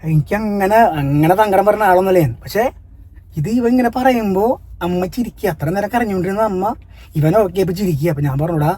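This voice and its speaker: A man's voice: sits high, fast, warm tone. A Malayali man telling a family story to his viewers, earnest at times and heated when he scolds commenters. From Kerala, India. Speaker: family vlogger. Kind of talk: casual vlog talk to viewers.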